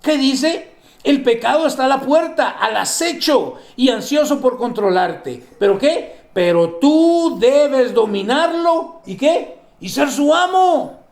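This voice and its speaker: A man's voice: extremely high pitch, animated, slow, reverberant. A male pastor preaching a sermon, asking questions and answering them himself and acting out the people in his stories. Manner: acts out the people in his stories, drops to a soft voice for asides.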